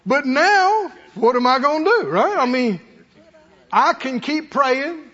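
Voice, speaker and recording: A very high-pitched, expressive voice with a sharp tone comes slowly from a middle-aged or older man preaching folksily. He shares homely stories and addresses rhetorical questions to the congregation, heard through muffled sound with long reverb.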